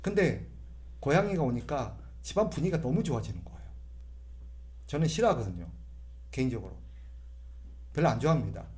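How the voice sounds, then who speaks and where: A man's voice: medium pitch, sing-song, a little fast, pauses often, a little mellow. A middle-aged male pastor giving a humorous sermon, imitating voices and having the congregation repeat phrases after him.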